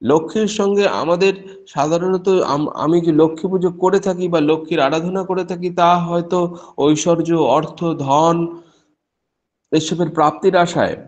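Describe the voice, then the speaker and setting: A man's voice: on the high side, steady tone, measured pace, darkish tone, dull audio. A middle-aged man, a professor, giving a spoken discourse on spiritual teachings, restarting and repeating phrases as he explains. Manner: acts out quoted exchanges in a story. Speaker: professor giving a religious talk.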